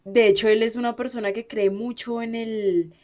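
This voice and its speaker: A woman's voice: on the high side, steady tone, moderate pace, a little mellow. A woman who teaches Spanish, co-hosting a podcast in casual conversational chat, telling a story fluently with small restarts.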